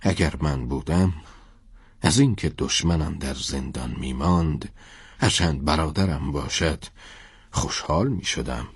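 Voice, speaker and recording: A man doing a deep husky prison warden. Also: dry recording, studio quality, heavily acted. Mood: puzzled. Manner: formal, respectful address. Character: male prison warden, deferential and uneasy. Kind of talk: audio storybook acting.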